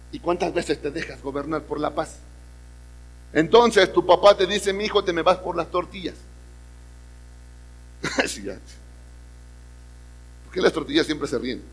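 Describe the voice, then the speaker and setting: A man's voice: fairly high pitch, husky. A man with a Mexican accent preaching a sermon to a congregation, asking them questions and acting out voices. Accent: Mexican Spanish. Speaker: pastor. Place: church service hall. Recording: long reverb of a hall.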